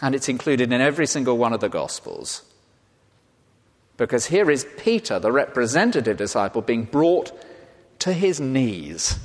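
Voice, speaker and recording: Preacher in a reverberant church. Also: male voice, mid-range voice, very animated, normal speed. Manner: emphatic, rhetorical repetition. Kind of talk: sermon. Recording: long hall reverb.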